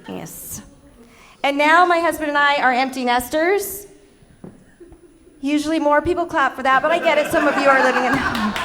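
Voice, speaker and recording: Woman, 50s, stand-up comedian, high voice, deadpan, self-mocking, comedy club stage. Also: normal speed, long pauses, background noise. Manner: deadpan punchlines, playful self-mockery. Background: audience laughter.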